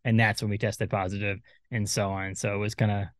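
Male podcast host, thirties, rambling and laughing, quick delivery, dry close mic. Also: lowish voice, flat delivery, no room sound. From Maine. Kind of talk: casual chat.

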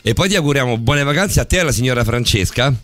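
A man's voice: mid-range voice, expressive, quick pace, a bit bright, no echo. A man hosting a late-night radio show, joking and chatty, often restarting his sentences. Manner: joking, talkative, many restarts. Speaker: radio host. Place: radio studio.

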